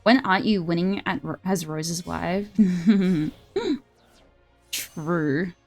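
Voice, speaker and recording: A young woman streaming a card game, chatting casually and excitably, swearing freely and sliding into a valley girl voice. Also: lowish voice, slow pace. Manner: excitable and profane, drifts into a put-on valley girl voice. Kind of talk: casual live-stream gaming chat. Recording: faint music behind.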